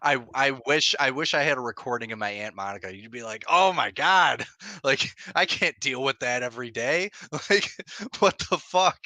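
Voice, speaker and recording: Young man, bright voice, dry close sound, profane and animated while chatting over a game. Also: medium pitch, a little fast, hardly any pauses, no room sound. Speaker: gamer chatting with a friend. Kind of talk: casual voice chat while gaming.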